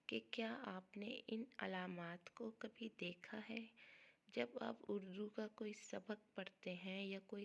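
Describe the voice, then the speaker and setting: A woman's voice: mid-range voice, creaky. A woman teaching a primary school grammar lesson, patiently explaining and repeating things for children.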